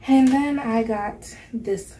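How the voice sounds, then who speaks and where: A young woman vlogger talks through her shopping haul in a relaxed, playful way from her bedroom, laughing frequently. Her voice sits a little high with a dark tone, and she speaks slowly. The close camera mic catches a bit of hiss or hum.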